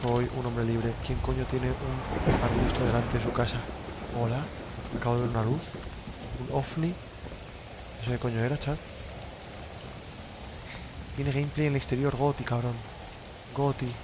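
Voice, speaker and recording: A man with a Spain Spanish accent talks his way through a horror game for his stream, chatty and quick to swear. His voice sits at an ordinary middle pitch. Heavy rain noise pours behind him. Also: little pitch movement. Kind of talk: casual gameplay commentary.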